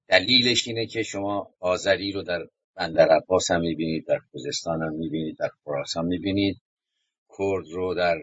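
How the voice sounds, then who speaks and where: A man's voice: sits low, fairly bright tone, husky, no echo. A man hosting a talk radio program, speaking earnestly and reading listener-submitted text aloud. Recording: muffled radio broadcast.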